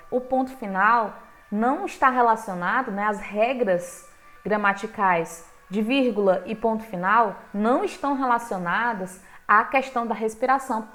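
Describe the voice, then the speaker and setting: A woman with a Brazilian Portuguese accent teaching a grammar lesson in a conversational way. She keeps checking in with her students and punches key points with sudden lifts in her voice. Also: a bit bright. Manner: conversational, checking in with frequent "right?" tags; emphatic, with sudden lifts in pitch and volume.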